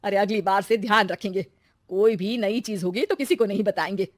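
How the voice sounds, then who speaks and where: A woman's voice: medium pitch, brisk, no echo, studio quality, close to an everyday voice. A woman voicing a downcast, short-tempered young husband in a story, blunt and exasperated in manner.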